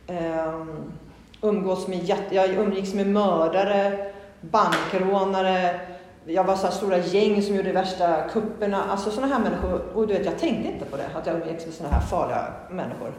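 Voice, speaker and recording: A woman's voice: darkish tone, slight background noise. A woman giving a candid, earnest personal testimony, rambling with many fillers and restarts. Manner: candid and earnest, with sudden rises in pitch. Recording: very echoey hall with long reverb.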